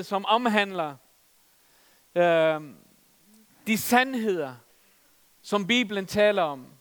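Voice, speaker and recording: A man's voice: high-pitched, fairly bright tone, smooth, in a large hall. A middle-aged man preaching a sermon, telling stories with humor and reading scripture with emphasis.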